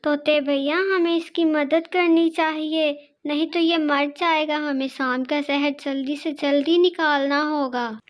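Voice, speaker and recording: Lady doing a sweet cartoon sparrow, high voice, earnest and gentle. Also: fairly even intonation, unhurried, hardly any pauses. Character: kind, caring female sparrow. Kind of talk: cartoon voice acting.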